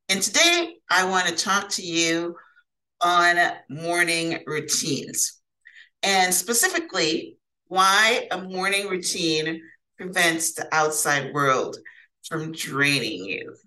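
A woman's voice: fairly low pitch, big pitch swings, slow pace, bright, forceful tone, far from the mic, low-quality recording. A woman hosting an informal solo self-help podcast, giving conversational advice as a coach and often checking in with the listener. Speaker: podcast host and life coach.

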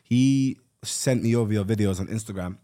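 A man's voice: fairly low pitch, moderate pace, mellow. A young man telling a story in casual chat, informally checking that listeners follow.

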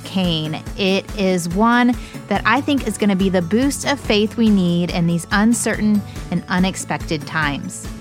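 A woman's voice: medium pitch, a little slow, faint music behind. A woman hosting a conversational podcast in an earnest, encouraging way. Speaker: podcast host.

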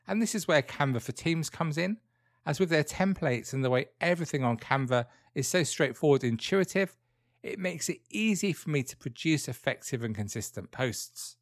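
A man's voice: fairly high pitch, animated, moderate pace, no room sound, clean studio sound. A British man hosting a true crime podcast, narrating from a script in a conversational way with dryly wry asides. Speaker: podcast host.

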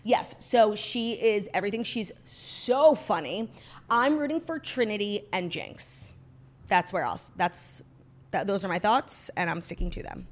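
A woman's voice: medium pitch, animated, a little slow. A woman co-hosting a casual chat podcast, talking in a bubbly, effusive sorority-girl way with dramatic exaggeration and lots of "like" and "literally". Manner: dramatic, hyperbolic. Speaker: podcast co-host.

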